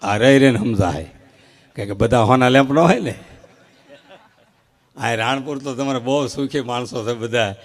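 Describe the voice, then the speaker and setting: Casting note: male stand-up, mid-pitched, animated live joke-teller. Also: moderate pace, pauses often. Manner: animated joke-telling, acting out short quoted exchanges. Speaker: stand-up comedian at a folk stage show. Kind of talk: live comic storytelling on stage. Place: live outdoor stage event before an audience.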